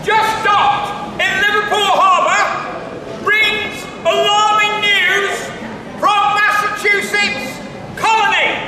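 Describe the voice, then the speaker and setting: Shouting town crier, very high-pitched, echoing man. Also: little pitch movement. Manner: loud declamatory shouting in short, drawn-out phrases. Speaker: town crier competition contestant. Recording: echoey hall from far off, noisy.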